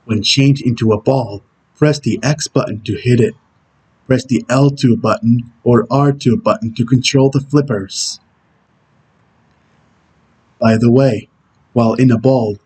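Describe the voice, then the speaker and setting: A man voicing a stern, brooding video game antihero who gives terse tutorial instructions in a husky voice. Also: medium pitch, fairly even intonation, unhurried, darkish tone, low-quality recording. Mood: stern, instructional. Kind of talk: character impression reading game tutorial instructions.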